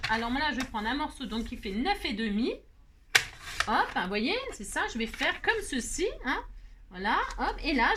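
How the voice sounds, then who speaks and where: A bright-voiced woman chats her way through a craft tutorial, pitched a touch above the usual. She talks straight to her viewers with playful, teasing asides. She fills her steps with quick little interjections as her hands work. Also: slight background noise. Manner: narrates her hands, frequent "hop" and filler words. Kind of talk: casual chatty tutorial.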